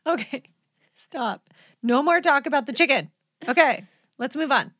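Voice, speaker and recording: A young woman co-hosting a podcast in casual chat, giggly and apologetic. Her voice sits a little high. The sound is dry and close to the mic. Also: lively intonation, moderate pace, a bit bright, no echo. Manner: giggly, apologetic, keeps laughing. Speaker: podcast co-host.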